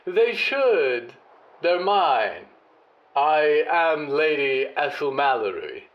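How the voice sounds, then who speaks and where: A man's voice: a little high, very animated, very slow, lo-fi sound, pitched above the performer's own voice, full character voice. A man voicing a big, haughty show-business lady with a grand, condescending drawl in an audio drama. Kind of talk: audio fiction monologue and dialogue.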